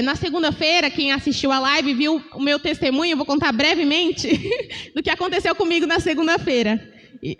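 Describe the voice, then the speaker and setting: A woman from Brazil gives a devotional talk from the front of a church, her high voice carrying through a long, ringing reverb. She speaks to the congregation as brothers and sisters and breaks into laughter as she recounts a personal story. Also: a bit bright. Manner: addresses listeners as brothers, laughs often while telling a story. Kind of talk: sermon devotional. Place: church hall.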